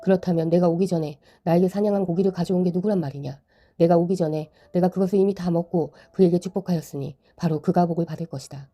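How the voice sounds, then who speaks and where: A woman's voice: fairly low pitch, fairly even intonation, quick pace, dark tone, soft background music, close to an everyday voice. A woman reading the lines of an aged, solemn patriarch father in a Bible reading.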